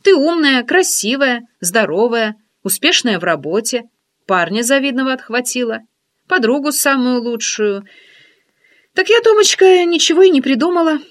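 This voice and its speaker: A woman voicing a brash, talkative female friend who teases and scolds in a lively, bossy way, in an audiobook. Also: high voice, normal speed, voice pushed up. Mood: teasing. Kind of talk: audiobook character voice.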